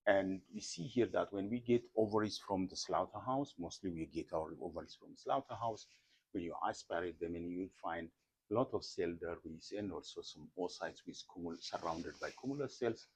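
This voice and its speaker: A middle-aged Ethiopian academic, speaking low and huskily, describes embryo research in an interview. His delivery is cautious and halting, dotted with filler words and repetitions.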